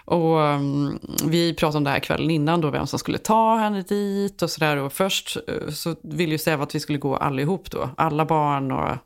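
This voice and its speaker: A woman's voice: low-pitched, steady tone, vocal fry, hardly any pauses. A woman in her thirties telling a story in a casual podcast chat, acting out the voices of her family. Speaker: podcast co-host.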